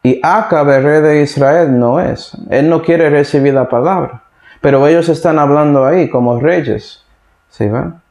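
A man's voice: a little high, unhurried, vocal fry, darkish tone. A man preaching a sermon, reading Bible verses and breaking in with his own commentary. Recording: echoey room.

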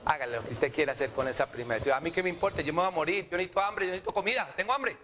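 A preacher putting on a careless, hungry Esau. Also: male voice, on the high side, racing, fairly bright tone, slight background noise, close to an everyday voice. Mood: careless, dismissive. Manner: dismissive, then pleading. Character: hungry, careless man who later begs God.

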